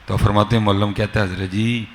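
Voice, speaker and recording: A man from Pakistan, an Islamic scholar giving a sermon and acting out the dialogue of his story with a lively, swinging delivery. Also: on the low side, gravelly. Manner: animated storyteller, acts out dialogue, swings between soft and loud.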